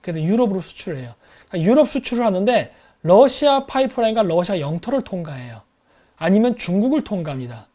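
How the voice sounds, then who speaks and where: Male commentator, high-pitched, animated casual talk on politics. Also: fast talker. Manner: animated, acts out countries as quarrelling people.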